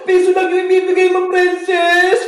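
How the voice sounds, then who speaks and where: A woman's voice: very high voice, completely flat delivery, normal speed. Woman playing a whiny, tearful schoolgirl. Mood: whining. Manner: whining, near tears. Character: whiny hungry young schoolgirl. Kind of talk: comedy skit acting. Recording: very echoey room.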